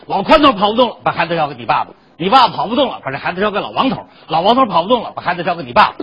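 A man leads a crosstalk routine in a husky, rough voice, racing through the story at high speed. His pitch sits high and swings widely as he mimics other people's voices. The recording sounds dull and lo-fi. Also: sing-song, racing. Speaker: lead comedian. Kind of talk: crosstalk comedy performance.

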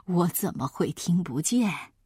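A woman voicing a kindly, hard-of-hearing old grandmother, speaking low and softly with a doting manner. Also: lively intonation, a little slow, husky, dry recording, studio quality, exaggerated voice.

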